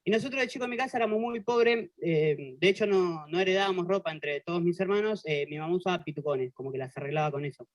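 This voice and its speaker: Young argentine stand-up guy, Buenos Aires suburbs accent, high fast patter, dry mic. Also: no echo, lo-fi sound. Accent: Buenos Aires suburbs Argentine Spanish. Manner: rapid street slang, constant "¿viste?" tags. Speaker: stand-up comedian. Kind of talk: televised stand-up routine. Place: television studio stage with audience.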